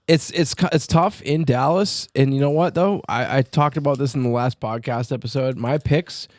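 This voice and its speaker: A man's voice: medium pitch, moderate pace, darkish tone, no room sound. Casual male podcast co-host, dry close sound. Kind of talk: casual sports banter.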